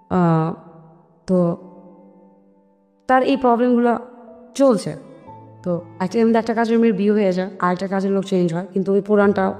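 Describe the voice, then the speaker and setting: A woman's warm, medium-pitched voice carries a Bangladeshi accent as she earnestly relates her life story to an interviewer, stressing points and acting out remembered conversations. Music plays behind her, and the sound has a long reverb.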